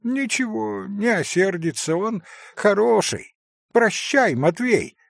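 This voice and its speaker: A man voicing a cocky, sharp-tongued schoolboy who talks in a brisk, lecturing way. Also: high-pitched, animated, gravelly, no room sound, clean studio sound, voice pushed up, heavily acted. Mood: cheeky.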